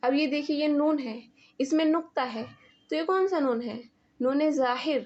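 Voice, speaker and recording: A woman's voice: high voice, a little mellow. A woman teaching an Urdu grammar lesson, explaining patiently, repeating examples and asking the viewer questions, with a Pakistani Urdu accent. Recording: dull lo-fi recording.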